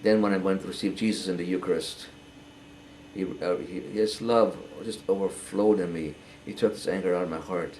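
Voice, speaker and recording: An older man giving a halting, earnest personal testimony, often repeating words as he goes. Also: low-pitched, fairly even intonation, darkish tone, slight background noise, poor audio. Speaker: interviewee.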